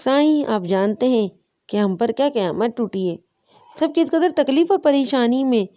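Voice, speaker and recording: A woman voicing a devoted, submissive young wife who speaks gently and deferentially, on a dull lo-fi recording. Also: a little high, animated, lightly acted.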